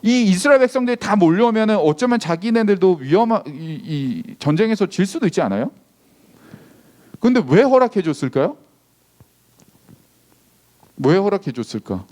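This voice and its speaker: A man with a high, bright voice preaches to teenagers in an animated way. His pitch leaps and dips as he asks his listeners questions and acts out the lines of people in the story. He sounds like a youth pastor speaking from the pulpit. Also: normal speed, pauses often. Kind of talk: sermon to high school students.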